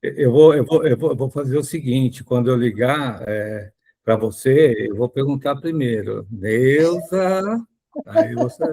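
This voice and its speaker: A man's voice: mid-range voice, moderate pace, gravelly, mellow, slightly rough. A man hosting an online group meeting on a video call, calling on participants by name. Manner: friendly, calls on participants by name. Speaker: host of an online self-knowledge group. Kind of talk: casual group moderation.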